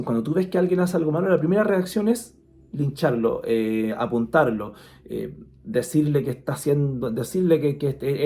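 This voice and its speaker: Gravelly, earnest man giving a devotional talk. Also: fairly high pitch, a little mellow. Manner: conversational, earnest, with frequent restarts. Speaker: guest speaker.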